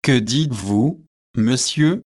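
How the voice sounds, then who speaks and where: A man's voice: medium pitch, expressive, takes it slowly, a little mellow. A man voicing a coarse, foolish male visitor who is insistent and indignant.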